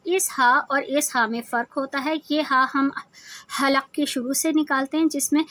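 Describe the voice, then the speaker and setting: High-voiced woman teaching letter sounds. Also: steady tone, bright, forceful tone, slight background noise. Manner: patient, explanatory, demonstrates each sound aloud. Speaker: Quran recitation teacher. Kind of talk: tajweed lesson explaining letter sounds.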